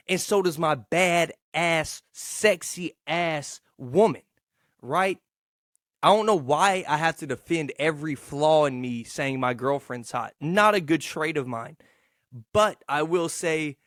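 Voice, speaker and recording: A man's voice: on the high side, a bit bright, no echo, clean studio sound. A man, hosting a casual, rambling solo podcast in a profane, slangy, boastful yet self-deprecating way. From Texarkana, United States. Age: 20s. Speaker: podcast host.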